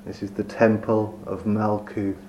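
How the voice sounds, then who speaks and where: A man leading a guided meditation in a slow, soft, soothing voice with long pauses. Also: on the low side, completely flat delivery. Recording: dull lo-fi recording with faint hum.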